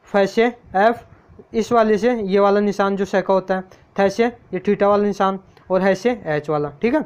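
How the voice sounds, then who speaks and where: A man teaching a lesson, explaining step by step and patiently repeating each example word slowly. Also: high voice, darkish tone, smooth. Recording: dull lo-fi recording.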